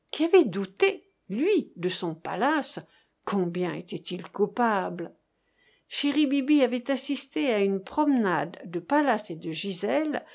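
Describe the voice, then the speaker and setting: A woman reading a classic novel aloud as an audiobook narrator, in an expressive, dramatic way. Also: medium pitch.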